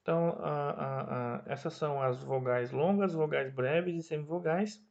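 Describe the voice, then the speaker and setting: A man's voice: fairly high pitch, normal speed, vocal fry, a little mellow, highs cut off. A man with a Brazilian Portuguese accent, patiently explaining a recorded Hebrew review lesson step by step, with many fillers and tag questions. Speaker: Hebrew teacher.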